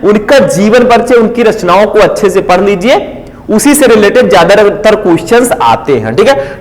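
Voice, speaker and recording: Male tutor, fairly high voice, exam-prep lesson, keeps checking students follow, long room reverb. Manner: coaxing, asks students to comment; repeats "ठीक है" often. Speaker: teacher.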